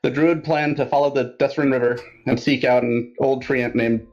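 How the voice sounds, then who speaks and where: Male game player, mid-pitched, reading notes aloud over dull, band-limited audio. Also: fairly even intonation, normal speed, a little mellow. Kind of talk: reading aloud and casual table talk.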